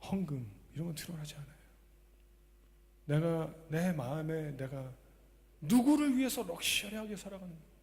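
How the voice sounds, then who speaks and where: Emphatic pastor in a reverberant hall. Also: male voice, fairly high pitch, expressive, normal speed, long pauses. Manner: emphatic, swings between loud exclamations and quiet asides; asks the congregation rhetorical questions. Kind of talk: sermon. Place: church sanctuary during a live service.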